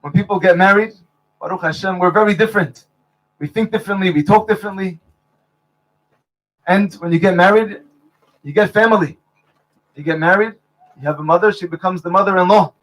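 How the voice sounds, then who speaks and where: A man's voice: high voice, brisk, pauses often, low-quality recording. A man officiating a wedding, speaking under a chuppah and telling stories and jokes between Hebrew blessings. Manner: warm storytelling with Hebrew blessings.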